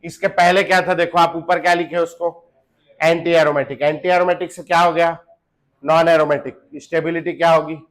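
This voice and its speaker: A man's voice: on the high side, little pitch movement, normal speed. A question-firing chemistry teacher, a man. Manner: asks the class questions and answers them himself, joking; mixes in English phrases. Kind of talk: classroom lecture.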